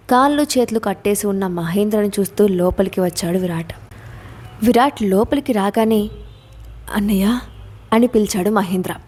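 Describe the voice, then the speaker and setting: Mellow-voiced woman narrating a suspense story. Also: mid-range voice.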